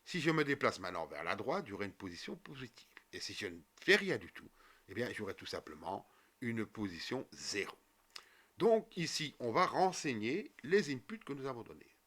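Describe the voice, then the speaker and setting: Man, programming tutorial, bright voice, lively pitch, talks through each step with fillers, keyboard typing behind. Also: moderate pace. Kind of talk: screen-recorded coding tutorial.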